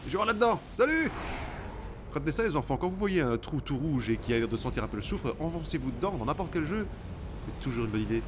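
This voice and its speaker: A man giving excited, profane commentary while playing a video game, swinging from mumbles to shouts. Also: mid-range voice, fast, background noise. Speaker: let's play gamer. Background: game music.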